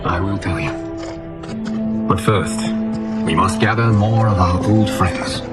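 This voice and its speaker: Deep, solemn god of time. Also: male voice. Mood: resolute. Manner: grave, measured, formal. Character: solemn, composed male guardian god of time. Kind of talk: dramatic video game cutscene acting. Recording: loud cinematic music over dialogue.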